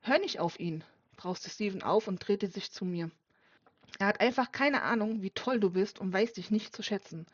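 A woman's voice: medium pitch, normal speed, lightly acted. A woman reading an audiobook voices a loyal young man who speaks earnestly and defends himself. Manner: earnest, pleading. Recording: dull dry lo-fi recording.

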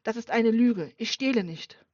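A woman's voice: medium pitch, lively intonation, moderate pace, natural voice. A woman reading an audiobook voices a loyal young man who speaks earnestly and defends himself. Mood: defiant. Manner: earnest, pleading. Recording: dull dry lo-fi recording.

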